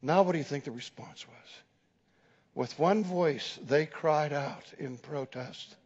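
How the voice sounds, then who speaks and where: A man's voice: a little high, unhurried, a little mellow, husky. A man preaching a sermon as a dramatic storyteller. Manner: dramatic storyteller who acts out the people in his stories. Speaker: preacher and teacher. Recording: long hall reverb, dull lo-fi 2007 audio.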